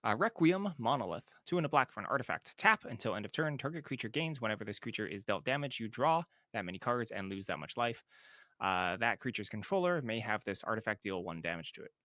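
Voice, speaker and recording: A man's voice: lowish voice, very animated, sharp tone, no echo, clean studio sound. A man co-hosting a podcast, reading card text aloud and then giving casual verdicts. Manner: reads card text aloud then judges it, quick to laugh. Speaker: co-host of a card game podcast. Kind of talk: casual card review chat.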